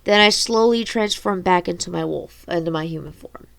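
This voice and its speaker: A woman reading her own story aloud in a halting, casual way with frequent restarts. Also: on the low side, gravelly.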